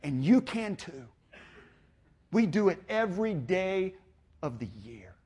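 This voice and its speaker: Male pastor, high voice, emphatic sermon delivery that hammers home repeated phrases. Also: very animated, takes it slowly, mellow, husky. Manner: emphatic, repetitive preaching cadence; storytelling with acted-out dialogue.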